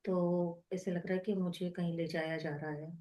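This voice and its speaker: A woman on a video call telling her teacher, in the present tense, what she saw while meditating, speaking softly and addressing him as sir. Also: on the low side, little pitch movement, moderate pace, rough recording. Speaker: meditation participant sharing her experience. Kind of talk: personal account of a meditation vision.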